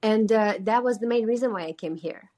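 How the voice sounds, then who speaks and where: The guest here is a young Romanian singer-songwriter calling in for an interview. Her voice is higher-pitched with a dark tone and a brisk pace, carrying a Romanian accent as she chats earnestly, dropping "like" often.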